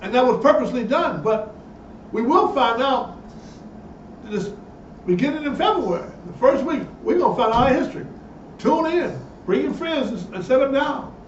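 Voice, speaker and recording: High-voiced preacher in an echoey room. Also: male voice, very animated, normal speed, slight background noise. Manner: reads passages aloud, breaks in with emphatic asides. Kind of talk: sermon with read-aloud passages. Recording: echoey, distant, dull lo-fi sound.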